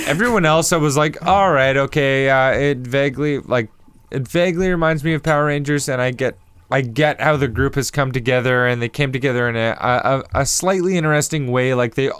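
A young man with a smooth, clear voice, co-hosting a laid-back podcast. He talks through his views in a wry, unhurried manner. The sound is close and dry. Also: mid-range voice, no room sound. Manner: relaxed and wry, giving his opinion with fillers. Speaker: podcast co-host. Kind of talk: casual movie-podcast chat.

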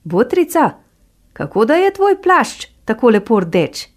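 A woman's voice: a little high, big pitch swings, voice pushed up. A woman voicing an eager, gullible male bear in a storybook reading. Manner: eager, pushy.

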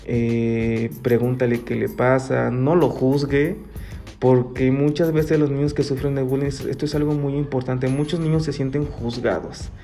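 Man, gravelly voice, earnest advice-giving guest. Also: mid-range voice, level tone, a little slow, mellow, faint music behind. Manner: earnest, explanatory, frequent restarts and fillers. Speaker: guest expert on child bullying. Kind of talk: radio-style talk, advising parents.

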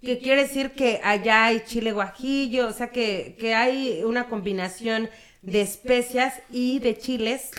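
High-voiced Mexican woman chatting casually. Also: unhurried, a bit bright. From Guerrero, Mexico. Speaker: podcast guest. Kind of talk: casual chat.

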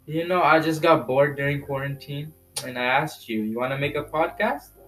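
A male co-host in a casual podcast chat, excitable and fond of roasting his friends. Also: a little high, normal speed.

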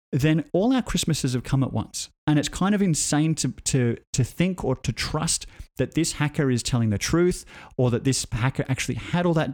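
A man, a tech commentator, telling a story in a joking, animated way with voiced asides. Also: a little high. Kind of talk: casual spoken storytelling.

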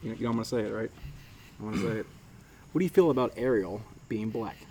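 A man co-hosting a podcast in casual chat, teasing the others with quick questions. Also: fairly low pitch, mellow, slight background noise, rough recording. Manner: fast, teasing, interviewer-like questions. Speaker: podcast co-host.

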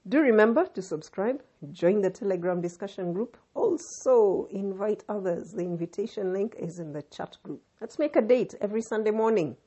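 A woman with a Kenyan accent hosting a podcast, delivering scripted narration with deliberate, emphatic phrasing. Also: medium pitch, lively intonation, dark tone, slightly rough. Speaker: podcast host.

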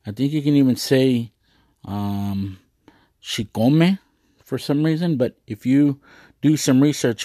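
A man's voice: mid-range voice, a little mellow, no echo, studio quality. A man giving a rambling, earnest monologue to his viewers, full of hesitations and fillers. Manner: earnest, proud.

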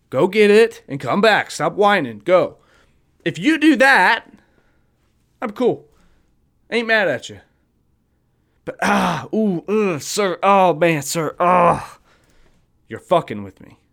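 Casual male podcast host, slightly high voice, profane rambling rants. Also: clean tone. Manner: profane, rambling, mock-stammers people he imitates. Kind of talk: casual ranting monologue. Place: home recording, seated at phone.

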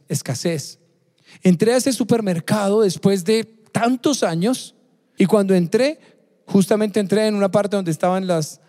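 A man's voice: high-pitched, dark tone. A man preaching a sermon as a pastor, emphatic and fond of repeating key phrases. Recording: long hall reverb.

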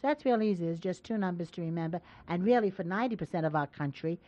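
A woman's voice: lowish voice, lively intonation, quick pace, dark tone. Playful woman hosting a dull-sounding radio call-in. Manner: playful, teasing, coaxing. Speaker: radio call-in show host. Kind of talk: casual chat with callers.

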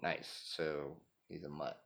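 Joking, deep-voiced interviewer. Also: male voice, little pitch movement, slow, creaky, a bit bright. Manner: teasing, joking, offbeat quips. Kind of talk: casual interview.

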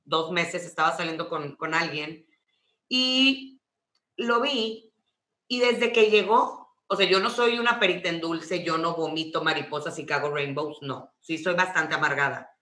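A woman's voice: sits low, unhurried, reverberant. A woman with a Mexican accent, telling stories in a casual, slangy chat and acting out the people in them. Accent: Mexican Spanish. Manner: slangy, animated storytelling with swearing.

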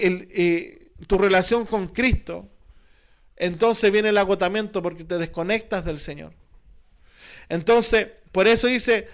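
A man with a Chilean Spanish accent preaches to his congregation. His voice sits very high, and he presses his points earnestly, circling back with repeated phrases and rhetorical questions. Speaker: pastor. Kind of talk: sermon.

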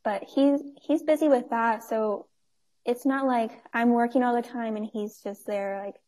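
A nonprofit owner in her twenties chats casually as an interview guest, full of fillers and quick to laugh. Her fairly high voice is steady and dark in tone, with a measured pace.

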